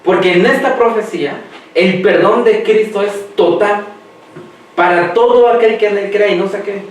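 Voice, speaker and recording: A man preaching a sermon who quizzes the congregation and lets them finish his sentences, slowing down to read scripture aloud. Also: high-pitched. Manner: slows down when reading scripture aloud. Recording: echoey hall, mic far off.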